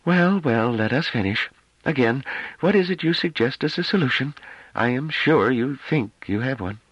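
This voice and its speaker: A man's voice: fairly high pitch, very animated, normal speed, slightly rough, dry recording, highs cut off, pitched above the performer's own voice. A man reading an audiobook, voicing a scornful, impatient woman on a ruling council who talks in a mocking, dismissive way. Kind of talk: audiobook character voice.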